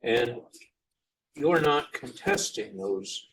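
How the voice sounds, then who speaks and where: A man questioning formally as a defense lawyer in a courtroom, with a deliberate, halting delivery. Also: medium pitch, lively intonation, a bit bright, rough recording.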